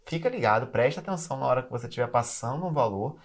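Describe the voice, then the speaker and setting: A man's voice: medium pitch, expressive, fast talker. A man with a Brazilian accent teaching an online English lesson, carefully drilling each English word between explanations.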